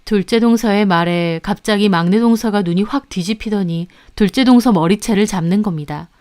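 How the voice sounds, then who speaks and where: A woman narrating a family story in the first person, calm and confiding. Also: mid-range voice, normal speed.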